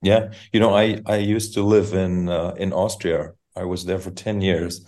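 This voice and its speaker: A man hosting a podcast interview, relaxed and conversational, nudging his guest along with short acknowledgements. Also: deep voice, normal speed. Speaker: podcast host. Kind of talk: casual interview.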